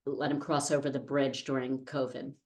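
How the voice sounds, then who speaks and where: Her voice is very deep and darkish, with little pitch movement and a moderate pace. She is an American in her fifties, a podcast guest in the studio telling self-deprecating anecdotes in a relaxed interview chat.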